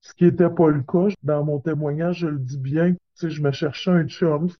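A woman's voice: deep voice, fairly even intonation, moderate pace, lo-fi sound. A woman with a Québécois accent speaking through a voice changer that hides her identity, talking in a direct, indignant way in a recorded news interview clip. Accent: Québécois French. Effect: voice altered by a voice changer for anonymity. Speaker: crime victim giving testimony.

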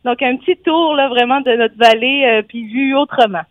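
A bubbly woman from Quebec's Gatineau valley, with a Quebec French accent, takes part in a local radio phone interview as a guest chef and sommelier, laughing often and using lots of fillers. Her voice runs on the high side at normal speed, heard over a tinny, dry phone line.

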